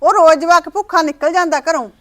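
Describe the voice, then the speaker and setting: In a short-film drama set in a home, a woman plays a sharp-tongued mother-in-law who scolds and nags without pause. Her voice is high and her words rattle out fast.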